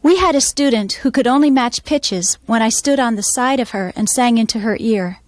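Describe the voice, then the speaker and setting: A woman music teacher explaining her methods in a calm, measured instructional voice-over. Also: fairly high pitch, no echo.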